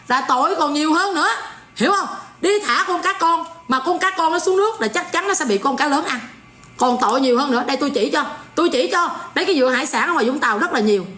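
A high, bright-voiced woman in her forties with a Southern Vietnamese accent rants in mocking, scolding commentary. Her sharp tone bounces around an echoey room. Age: 40s. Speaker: online commentator. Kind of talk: ranting livestream commentary.

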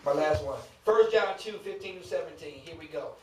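A man's fairly high voice, a little fast, drives an emphatic church sermon full of joking rhetorical questions and casual remarks to the congregation. The sanctuary echoes, the microphone is distant, and background noise is heavy.

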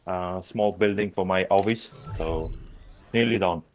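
A man's voice: sits low, a little slow, darkish tone. A man chatting casually with fellow players over a voice chat line that breaks up with static. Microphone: wireless headset. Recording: dull lo-fi voice chat audio.

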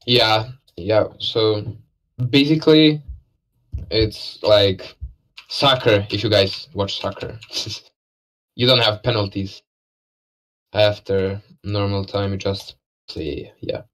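A man's voice: on the low side, fairly even intonation, slow, pauses often, a bit bright, low-quality recording. A man casually commentating a live esports match, laid-back and joking, with lots of fillers.

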